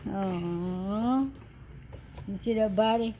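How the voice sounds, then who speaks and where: A woman chatting casually in a home kitchen as vlog host, asking many questions in halting English. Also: mid-range voice, mellow. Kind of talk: casual cooking chat. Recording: noisy kitchen with sizzling.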